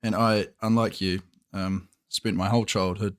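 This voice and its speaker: Dry, deadpan podcast co-host man. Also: on the low side, normal speed, clear, resonant tone. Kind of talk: casual chat.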